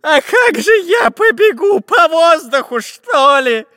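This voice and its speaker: A man voicing a skinny long-nosed male spy, whiny and greedy, in a shrill squealing voice. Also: big pitch swings, slow, pushed and bright, no room sound, clean studio sound, exaggerated voice. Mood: puzzled.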